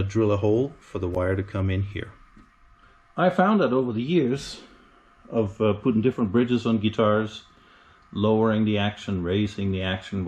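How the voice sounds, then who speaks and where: A man's voice: lowish voice, darkish tone. A man, a guitarist, talking casually through a step-by-step pickup install with lots of ums and uhs. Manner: casual, unhurried explaining with frequent ums and uhs. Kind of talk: step-by-step DIY tutorial.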